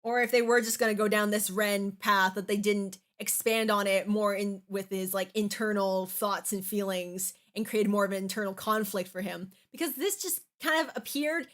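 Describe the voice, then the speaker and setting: A woman gives casual, opinionated commentary in the manner of a fan reviewer. Her delivery is halting, with false starts and frequent filler words as she works out her point. Her pitch sits in an average range for a woman. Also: a bit bright. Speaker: anime reviewer.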